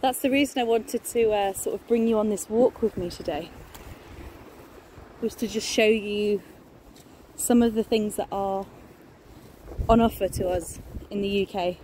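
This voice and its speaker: With a warm, mid-range voice at a measured pace, a woman in her thirties chats enthusiastically and fills her speech with fillers on a walking vlog. She holds her phone at arm's length in woodland and on a beach. The recording is noisy, with outdoor ambience and far-off planes.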